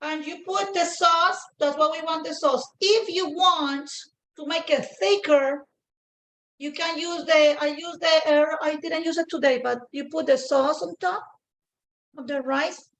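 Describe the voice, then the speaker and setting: High-pitched Colombian woman hosting cooking demo. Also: fairly even intonation, measured pace, a bit bright. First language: Spanish. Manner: chatty, informal, repeats phrases for emphasis. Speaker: cooking show host, home cook. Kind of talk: casual cooking demonstration chat.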